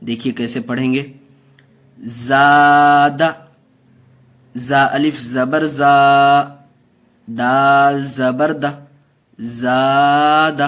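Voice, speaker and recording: A man teaching Quran reading, drawing out each syllable slowly and then explaining the rules quickly. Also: medium pitch, a bit bright. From South Asia. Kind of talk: spelling-out recitation lesson.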